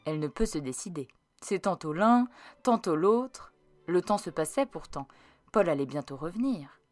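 A woman reading a children's storybook aloud in an expressive way, turning hushed at tense moments. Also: on the low side, normal speed, no echo, faint music behind. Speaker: storybook reader.

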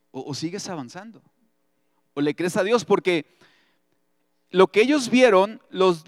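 A man preaching a sermon as pastor, reading scripture aloud and breaking in with lively, joking asides. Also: sits high, dry recording, studio quality, in a large hall. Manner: expressive, reads scripture aloud with asides and humor.

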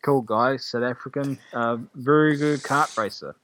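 A man's voice: mid-range voice, normal speed, a bit bright, slight background noise. Laid-back man chatting as a podcast guest. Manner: laid-back, offhand, slangy remarks with frequent laughs. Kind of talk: casual chat.

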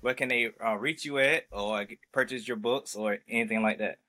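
A man hosting a comics podcast, asking relaxed, rambling questions in a casual way. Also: mid-range voice, normal speed, dry recording. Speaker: podcast host. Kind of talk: casual interview.

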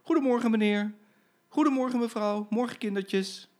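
A man's voice: very high voice, moderate pace, darkish tone, voice pushed up. An older man voicing a playful, cheeky bus driver who chuckles and teases his passengers, in a children's story read aloud. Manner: chuckling, teasing.

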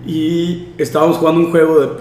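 A young man with a Mexican accent, relaxed and slangy, telling a story in a casual podcast chat. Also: a little high, brisk, slight background noise. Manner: relaxed, slangy, recounts with quoted dialogue. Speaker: podcast co-host. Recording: roomy echo.

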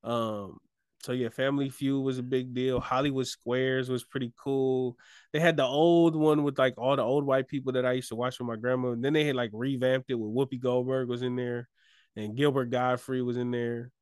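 A man's voice: mid-range voice, little pitch movement, moderate pace, darkish tone, clean tone, no echo, clean studio sound. A man co-hosting a casual chat, a laid-back storyteller who laughs often. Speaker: podcast co-host.

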